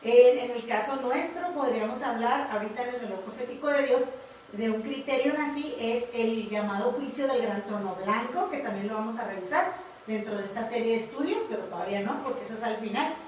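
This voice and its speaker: A woman's voice: on the high side, a little fast, darkish tone, a little hiss or hum. Echoey Mexican woman teaching Bible class. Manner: frequent tag questions and fillers. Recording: very echoey room, mic far off.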